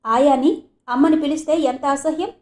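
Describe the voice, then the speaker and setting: A woman voicing a proud young stepmother who is quick to anger, speaking sharply and resentfully. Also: high-pitched, sing-song, a little mellow, roomy sound, pitched above the performer's own voice.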